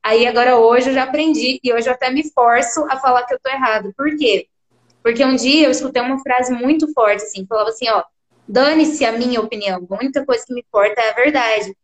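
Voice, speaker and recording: High-voiced, effusive Brazilian woman. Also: fast, echoey room. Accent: Brazilian Portuguese. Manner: effusive, emphatic, speaks loudly. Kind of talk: casual conversation.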